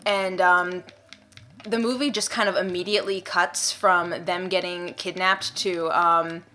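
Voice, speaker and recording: A woman's voice: lowish voice, a bit bright. A young woman co-hosting a casual chat, rambling with lots of fillers and restarts. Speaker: co-host. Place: indoors, eating popcorn.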